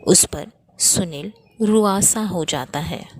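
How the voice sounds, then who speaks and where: A woman's voice: on the low side, slow pace, a little mellow, dry recording. A woman teacher reading a textbook play aloud to children, stopping to explain word meanings and call out page numbers.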